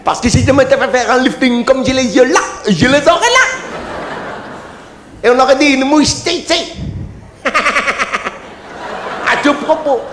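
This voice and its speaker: A male comedian with a very high voice drawls through a story, mocking himself and laughing along. The sound is roomy, with faint hiss behind it. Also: unhurried, pauses often, fairly bright tone. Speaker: stand-up comedian. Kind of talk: stand-up storytelling. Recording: roomy live venue with faint noise.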